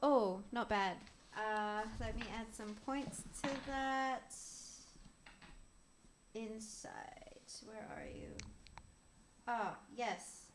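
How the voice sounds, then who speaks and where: A woman's voice: a little high, sing-song, extremely slow, background noise. A woman playing a tabletop game in casual chat, eager and pushy. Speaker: player.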